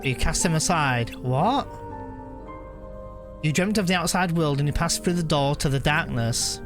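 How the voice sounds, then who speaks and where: A man chats casually while live streaming a video game, reading the on-screen text aloud haltingly and often correcting himself. His voice is on the high side, heard over music.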